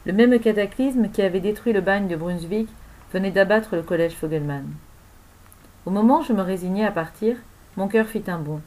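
A woman narrating a novel aloud in an expressive storytelling manner. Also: mid-range voice, moderate pace, low-quality recording. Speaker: audiobook narrator.

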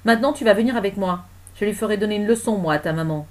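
A woman's voice: medium pitch, fast, a little mellow, lightly acted. A woman voicing a stern, haughty charity lady giving imperious orders, in a storybook reading. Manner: commanding, imperious.

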